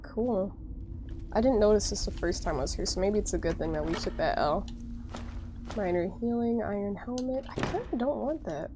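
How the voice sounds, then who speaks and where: At a normal speed and medium pitch, a woman with a cold chats casually with viewers while streaming a game, speaking to them directly and using "like" often. There's background noise in the recording.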